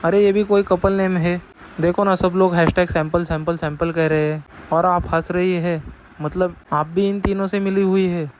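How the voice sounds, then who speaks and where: A woman's voice: fairly low pitch, flat delivery, moderate pace, a little mellow, slight background noise, voice pushed down, natural voice, poor audio. A woman voicing a fussy young man who complains and grumbles about being teased. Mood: whining. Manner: complaining, exasperated.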